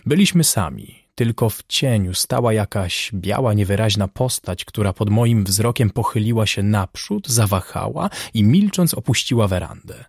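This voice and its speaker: A man narrating a classic novel as an audiobook in a measured, even manner. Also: on the low side, breathy edge, no echo, clean studio sound. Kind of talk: scripted narration.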